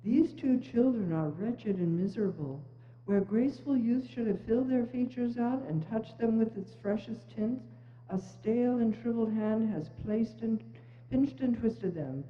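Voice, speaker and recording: A woman's voice: a little high, normal speed, close to an everyday voice. A woman playing a solemn, stern, aging Christmas spirit in a stage reading, speaking in declamatory warnings. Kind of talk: amateur dramatic reading on stage. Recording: muffled, echoey church hall.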